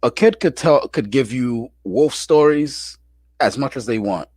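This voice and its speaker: A man's voice: medium pitch, measured pace, a little mellow, breathy edge, no echo, clean studio sound. A man hosting a casual call-in chat, talking in a laid-back, slangy way with frequent restarts. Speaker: show host.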